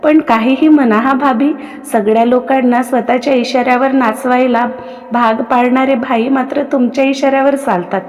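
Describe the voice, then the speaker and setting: A woman's voice: high voice, steady tone, normal speed, darkish tone, highs cut off, close to an everyday voice. A woman voicing a playful young man who teases his older brother's wife, read as part of a story with a long reverb. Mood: teasing. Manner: teasing, boyish.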